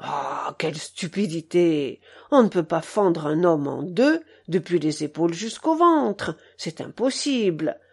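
A woman voicing a gruff old male army cook who grumbles and weeps over books, lower and slower than her reading voice. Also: animated, darkish tone, exaggerated voice. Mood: scornful. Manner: gruff, grumbling, slow emphatic lines.

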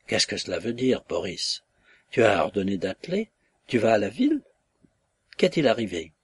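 A man voicing an anxious, pleading aristocratic lady in a read-aloud novel, his voice husky and dry. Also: lowish voice, sing-song, normal speed, no echo. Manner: pleading, questioning.

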